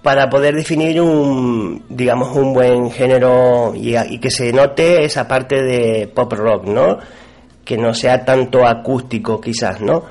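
A man's voice: mid-range voice, fairly even intonation, slow pace, a little mellow. Upbeat male radio interviewer.

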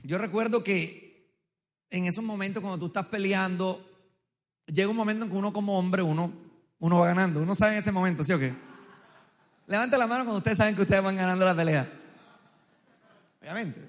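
A married male pastor with a loud, strong voice, preaching a humorous sermon, telling stories and quizzing the crowd. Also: high-pitched, a little fast, pauses often. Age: adult, married. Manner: joking, storytelling, quizzing the crowd. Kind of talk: humorous sermon with audience interaction. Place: large church hall with tiered seating. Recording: long reverb of a big hall.

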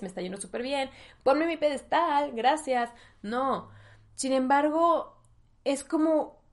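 A young woman with a Mexican accent hosting a personal podcast monologue, candid and emotional, sometimes close to tears. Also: high-pitched. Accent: Mexican Spanish. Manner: emotional, tearful at times, candid and slangy. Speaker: podcast host.

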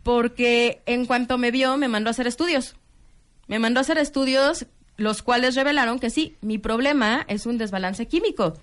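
A woman with a Mexican Spanish accent talks frankly and earnestly as a guest, her voice sitting somewhat high. She often restarts a phrase and slips into quoted dialogue as she tells her story. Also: moderate pace. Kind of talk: candid conversational testimony.

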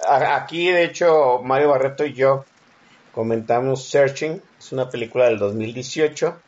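A man's voice: mid-range voice, moderate pace. Guy co-hosting a movie chat, short agreeing bits, dull lo-fi sound. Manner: brief agreeing interjections. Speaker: co-host. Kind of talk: casual film chat.

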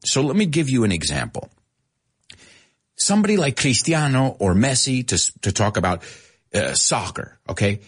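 A man hosting a lively radio show that teaches English, reading out listener messages and explaining phrases. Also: medium pitch, moderate pace, slightly rough. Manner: energetic, reads listener chat messages aloud and explains phrases.

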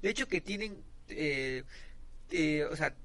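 A man co-hosting a casual podcast debate, opinionated and chatty, often pausing on "eh". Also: on the high side, expressive, a bit bright. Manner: chatty, opinionated, frequent "eh" fillers. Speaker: podcast co-host.

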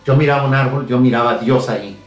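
A man with a mid-range voice speaks fast, and the highs of the audio are cut off. As a guest on a radio talk show, he gives an earnest, emotional testimony of faith, hesitating and repeating himself. The recording is echoey and distant, with faint music.

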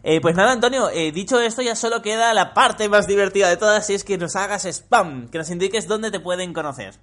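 Spanish male podcast host, slightly high voice, frank and chatty. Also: fairly quick, a bit bright. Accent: Spain. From Spain. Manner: chatty, frank, swears freely. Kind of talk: casual podcast chat.

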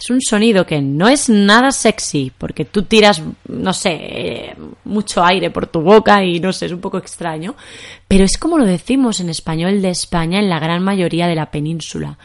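A young woman from Spain with a Castilian accent, teaching Spanish in a podcast lesson and explaining patiently with examples. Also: fairly low pitch.

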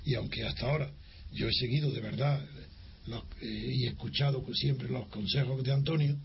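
Older man, from Spain, gravelly voice, storytelling interview, acts out the dialogue, faint hiss. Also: medium pitch, normal speed. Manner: lively storyteller who acts out dialogue, with frequent restarts. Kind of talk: recounting a personal memory. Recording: dull lo-fi recording with faint hiss.

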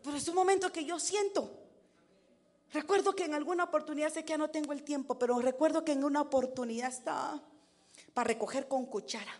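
A woman preaching to her congregation in an animated way, breaking into war cries and sounding out drum beats. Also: high voice, fast talker. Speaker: preacher teaching tambourine and worship dance. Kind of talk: lively sermon to a congregation.

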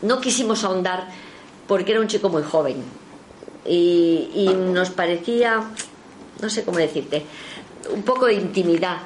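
A woman telling a spiritualist story in a casual spoken anecdote, her voice leaping in pitch when she quotes others. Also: moderate pace, pauses often, slight background noise. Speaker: storyteller recounting a spiritualist session.

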